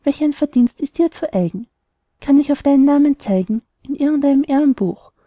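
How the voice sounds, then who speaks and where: A woman's voice: sits high, expressive, fairly quick, warm tone, no echo, highs cut off. A woman voicing a worried, skeptical mother in an audiobook, reading rhymed verse earnestly.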